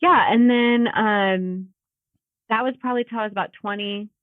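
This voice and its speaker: A woman in her thirties joins a podcast as a guest over a video call, chatting casually with frequent laughs and fillers. Her mid-range voice keeps a fairly even intonation at normal speed. The recording is dry but tinny, like phone audio.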